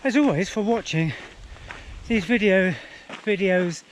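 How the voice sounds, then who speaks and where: A man talks to his running vlog while out on the run, his voice pitched noticeably high for a man. He rambles casually with dry, self-deprecating humour. Outdoor noise is clearly audible around him. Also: a little slow. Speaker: running vlogger. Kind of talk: casual vlog commentary to camera. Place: outdoors on a rural running route. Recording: outdoor ambient noise, passing vehicles.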